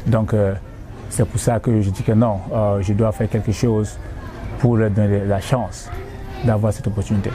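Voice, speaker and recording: A young man from northern Cameroon speaks in a low, flat voice, pausing often and repeating words as he searches for his phrasing. He is recorded outdoors at a school, with steady noise clearly audible behind him. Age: young adult. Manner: halting, many fillers and repeated words. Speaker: donor interviewed. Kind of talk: hesitant interview answers.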